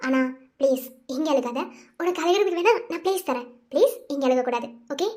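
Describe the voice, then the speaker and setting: A woman's voice: sits high, lively intonation, a little fast, darkish tone. A woman voicing a bold, teasing young wife. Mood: reassuring. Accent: Madurai Tamil. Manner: bossy, teasing, scolding fondly. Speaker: wife of the tender winner. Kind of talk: cartoon voice acting.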